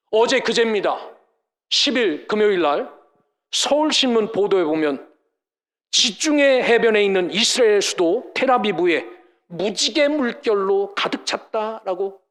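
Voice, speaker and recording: A man's voice: high voice, fairly bright tone. A male pastor preaching a sermon at a church service, emphatic and full of rhetorical questions to the congregation. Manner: mimics scoffers in mocking voices.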